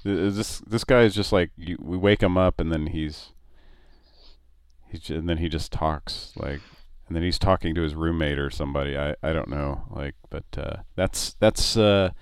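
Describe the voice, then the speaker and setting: A man's voice: rumbling low, normal speed, clear, resonant tone, no echo, clean studio sound. A man co-hosting a live show, chatting casually and often laughing, with rambling restarts. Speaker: podcast co-host. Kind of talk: casual prank-call commentary.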